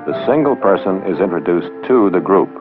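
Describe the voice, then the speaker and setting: A man with a low voice narrates a 1960s training film, instructing with lively, rising and falling delivery and dry, sarcastic asides, speaking a little fast. The old soundtrack is dull, with background music behind him.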